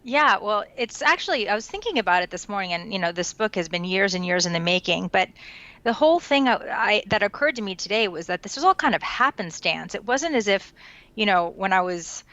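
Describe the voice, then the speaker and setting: A woman in her forties from the New York tri-state area in the United States, whose first language is Japanese, answers as a guest in a conversational interview. An education author and consultant, she tells her story fluently and relaxed with light laughs, in a medium-pitched, fairly quick voice. The highs in the recording are cut off.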